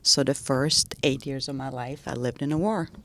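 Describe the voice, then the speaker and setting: This is a woman in her forties with a low voice, a psychologist on a podcast. She is from Iran and grew up in Sweden. She tells her own story in an open, candid way in casual conversation. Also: fairly even intonation, normal speed, fairly bright tone. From Iran, raised in Sweden. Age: 40s. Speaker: guest psychologist.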